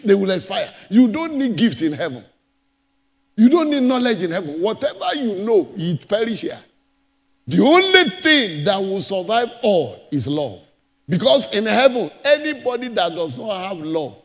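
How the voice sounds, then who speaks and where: Male pastor, high animated voice, gravelly edge, emphatic repeats, church hall reverb. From Nigeria. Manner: emphatic preaching with repetitions and swings between loud and soft. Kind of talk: sermon.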